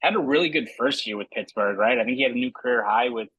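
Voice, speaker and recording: A young man with a Boston accent talks through his points on a casual sports podcast. His voice is bright and forward. The dry, close recording has no room sound, and he keeps tossing in "right?" as he goes. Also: medium pitch, fast, husky, no room sound, highs cut off. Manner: talkative, builds points with asides and "right?". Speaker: podcast co-host.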